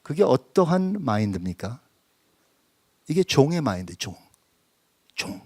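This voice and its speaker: Man preaching with animated, dry voice. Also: mid-range voice, unhurried, dry recording. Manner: intimate storytelling, drops to a whisper then rises to emphatic questions; mixes English phrases into speech. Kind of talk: sermon, personal testimony. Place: church.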